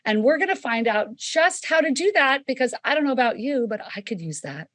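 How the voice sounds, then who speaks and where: A woman's voice: sits high, lively intonation, fairly quick, a bit bright. A woman co-hosting a podcast in a chatty, affirming way, often asking the audience questions. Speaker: podcast co-host.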